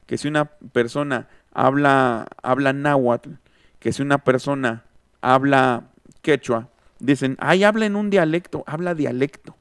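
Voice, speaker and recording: A man with a Mexican accent gives an online linguistics lesson, thinking aloud and stopping to read out and answer students' comments. His voice is smooth and resonant. It is recorded close and dry, with no room sound. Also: mid-range voice, no echo. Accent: Mexican Spanish. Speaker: linguistics teacher. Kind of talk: online lecture. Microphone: close mic, online class.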